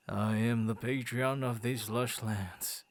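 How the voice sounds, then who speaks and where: In an ASMR boyfriend roleplay, a man voices a friendly, bashful werewolf guarding his forest, stammering and hamming it up playfully. His voice is medium-pitched, with no room sound in the recording.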